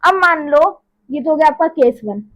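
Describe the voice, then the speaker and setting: High-pitched woman maths teacher. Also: animated, normal speed, a bit bright, poor audio. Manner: chatty, repeats each step with "theek hai". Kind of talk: casual classroom lesson.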